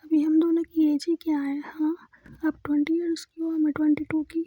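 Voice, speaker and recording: A woman voicing a tender, coaxing young wife of twenty-two in a whispered role-play, pleading softly. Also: sits high, flat delivery, fairly quick, no room sound, lightly acted.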